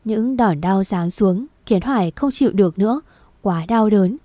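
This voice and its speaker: Female storyteller, mellow reading voice, dry close recording. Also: mid-range voice, normal speed, no echo. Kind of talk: scripted narration of a romance story.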